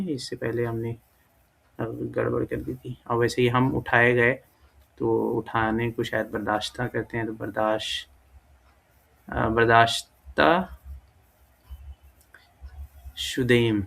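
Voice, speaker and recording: A man's voice: medium pitch, flat delivery, gravelly, a bit bright. A man giving a casual language lesson, thinking aloud and correcting himself as he goes. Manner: thinks aloud, self-correcting, many fillers. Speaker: language teacher. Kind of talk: casual screen-recorded lesson.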